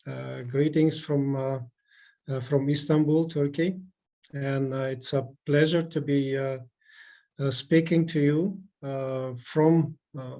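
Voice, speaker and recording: A man in his forties, from Russia, giving a halting conference talk over a video call, with many fillers and restarts. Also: mid-range voice, darkish tone. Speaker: conference speaker. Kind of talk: online conference presentation.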